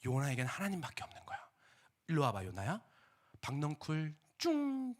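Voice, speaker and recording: A young man preaching a sermon, animated and theatrical, dropping to whispers and rising to shouts as he acts out scenes. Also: on the high side, moderate pace.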